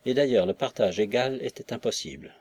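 A man reading a novel aloud as narrator, in a steady, even storytelling manner. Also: mid-range voice, a little fast, no room sound. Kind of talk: scripted audiobook narration.

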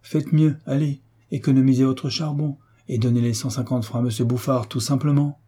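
Man voicing a gentle young soldier. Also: medium pitch, steady tone, normal speed, slightly rough, natural voice. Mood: earnest. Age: young adult. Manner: gentle, reasonable, reassuring. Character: kind earnest young soldier nephew.

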